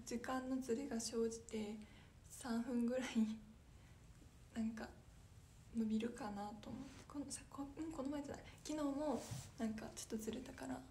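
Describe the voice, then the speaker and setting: Young woman, high voice, casual livestream chat, giggly, apologetic, faint background noise. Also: dark tone. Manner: chatty, apologetic, laughs often, reads viewer comments. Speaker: idol livestreamer. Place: small room with echo.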